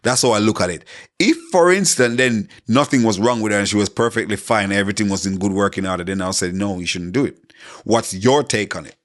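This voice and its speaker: A man's voice: lowish voice, fast talker. A man co-hosting a casual couple podcast, speaking in an easygoing, rambling way. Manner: easygoing, rambling, repeats "you know what I mean". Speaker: podcast co-host.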